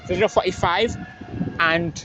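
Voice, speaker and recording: A man's voice: high voice, fairly even intonation, a little slow. A man giving casual trainspotting commentary to viewers, often repeating phrases and reading out train numbers. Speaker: trainspotting vlogger. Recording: dull handheld audio, very loud station noise. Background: outdoor railway platform with trains.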